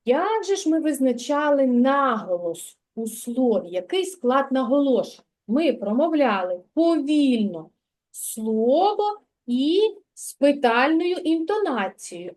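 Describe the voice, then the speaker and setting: Woman, kindergarten teacher, high voice, patient, sing-song, praising. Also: big pitch swings, takes it slowly, darkish tone, a little hiss or hum. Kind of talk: literacy lesson with a child. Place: kindergarten classroom.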